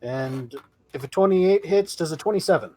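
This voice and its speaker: A man playing a tabletop game, his voice a little higher than most. He talks in a laid-back, crude way through a headset mic over voice chat. Soft music runs underneath. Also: animated, moderate pace. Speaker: player. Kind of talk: casual banter at a game table. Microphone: headphones with mic over voice chat.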